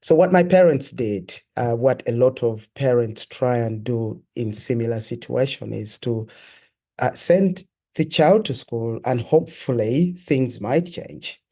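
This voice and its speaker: A man from Uganda, a guest sharing his life story in an interview, telling it in a reflective, earnest and measured way. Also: medium pitch, mellow. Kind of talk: personal testimony in an interview.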